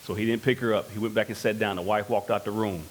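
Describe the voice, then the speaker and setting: A man's voice: lowish voice, steady tone, fast talker. A man preaching a sermon in church, calling questions out to the congregation and telling stories. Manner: preaching with calls to the congregation, storytelling. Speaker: pastor.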